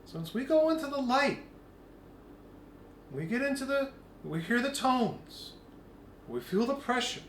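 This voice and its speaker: A man with a high, lively voice leads a casual spiritual talk, swinging up and down as he acts out quick quoted voices. He is recorded in an echoey room with a faint hum behind him. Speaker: spiritual group leader. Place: meeting room.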